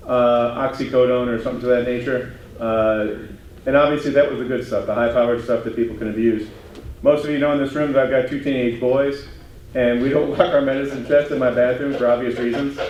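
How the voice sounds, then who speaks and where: A man's voice: mid-range voice, steady tone, a little fast, a little hiss or hum. A man, a club member telling a story at a meeting in a chatty way, with many uhs. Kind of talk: casual talk at a club meeting. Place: meeting room. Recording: echoey room, dull sound.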